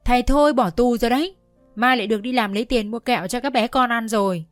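Một người phụ nữ đọc lời một cậu bé hiền lành, nói giọng nũng nịu, phụng phịu. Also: female voice, a little high, fairly quick, no room sound, soft background music, natural voice. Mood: pleading. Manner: coaxing, childishly indignant. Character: older boy, soft-hearted and pleading.

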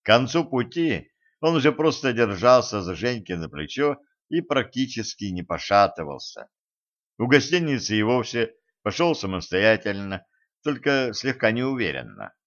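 A man reading a novel aloud as an audiobook narrator, with steady, even storytelling. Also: mid-range voice, moderate pace. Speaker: audiobook reader. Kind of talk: scripted narration. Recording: dull lo-fi recording.

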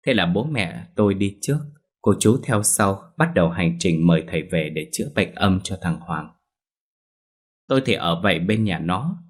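A man reads a first-person ghost story in a steady, earnest way. His voice is deep and low. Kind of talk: scripted ghost story narration.

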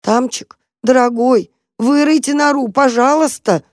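A storyteller voices a frightened, starving female cat, whining and pleading tearfully, pitched above their own natural voice and lightly acted. The medium-pitched, darkish voice moves at normal speed in a dry, clean studio recording.

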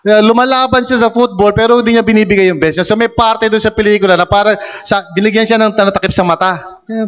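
A pastor preaching a sermon in a church hall, talking in a conversational way, teasing the congregation and asking them questions. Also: male voice, high voice, a bit bright, smooth. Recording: long hall reverb.

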